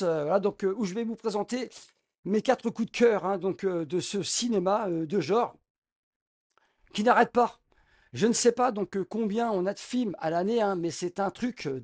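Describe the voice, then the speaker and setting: A man's voice: high-pitched, darkish tone. A man reviewing a film in a casual vlog, talking with constant hesitations, fillers and restarts. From France. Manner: hesitant, heavy filler words, many restarts. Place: home room with film posters behind.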